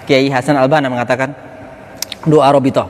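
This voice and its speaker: A man giving an informal, animated religious lesson to young students. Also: mid-range voice, brisk, big-room sound, a little hiss or hum. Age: 30s. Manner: animated, acts out classmates' quips. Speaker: ustadz teaching students.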